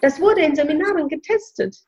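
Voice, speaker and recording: A woman's voice: sits high, brisk, a little mellow, poor audio. A woman giving instructive coaching advice in a casual conversation. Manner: explaining, instructive. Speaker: spiritual coach. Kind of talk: coaching talk.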